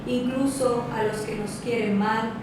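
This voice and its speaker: Woman lector, slow measured prayer reading, booming church echo, heard from a distance. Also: fairly even intonation, noisy background. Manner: slow, measured intoning with set refrains. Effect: heavy church echo, heard from afar. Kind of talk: liturgical reading. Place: large church. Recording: reverberant church from far off, guitar behind.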